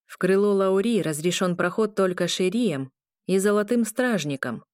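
A woman's voice: medium pitch, moderate pace, darkish tone, dry recording, clean studio sound, natural voice. A woman voicing a boastful, sly male legate guard in an audiobook. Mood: smug.

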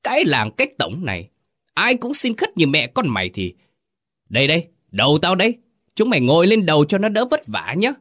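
A man voicing a cruel, greedy old village chief who sneers and shouts threats. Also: medium pitch, very animated, moderate pace. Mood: raging.

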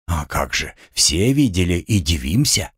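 Man playing a timid servant guy, fussy and deferential, raised lively voice, dry sound. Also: low voice, unhurried, slightly rough, dry recording, full character voice. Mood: meek deferential. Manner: meek, servile, slightly sly. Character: timid simple male orderly, deferential.

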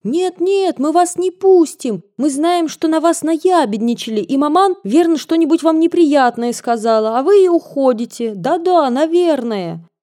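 A crowd of excited schoolgirls cries out in high, breathless pleas, as a woman reading a storybook puts them on. The pitch jumps well above her usual reading voice, yet the timbre stays mellow and dark. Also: a little slow, hardly any pauses. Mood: pleading.

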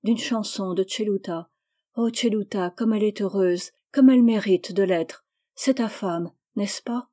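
A woman's voice: mid-range voice, measured pace, dark tone, lightly acted. Naive young girl, read by a woman narrator. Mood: eager. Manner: artless, eager, childlike. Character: naive, impulsive young Native girl, playful.

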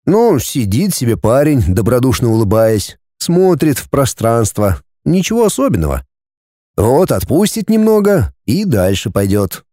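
A man reading a novel aloud as an audiobook narrator, in a steady storytelling manner. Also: mid-range voice, a little slow, no echo, studio quality.

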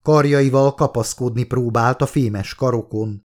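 Steady male audiobook narrator. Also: mid-range voice. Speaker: author reading his own book.

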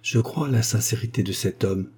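A man's voice: on the low side, brisk, warm tone, husky. A man reading the part of a wealthy, commanding woman in a story, voice slightly raised. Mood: composed.

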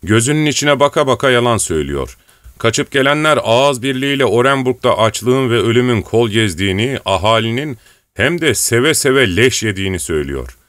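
A man's voice: mid-range voice, sing-song, brisk, a bit bright, dry recording, studio quality, voice pushed up. A man voicing a bloodthirsty, spiteful old male rebel who speaks in an accusing, vindictive way.

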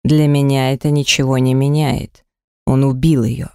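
An audiobook reader voicing a brooding, hot-tempered werewolf man who speaks in terse, gruff outbursts. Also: mid-range voice, level tone, moderate pace, warm tone, dry recording, studio quality, close to an everyday voice. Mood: angry. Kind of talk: audiobook character dialogue.

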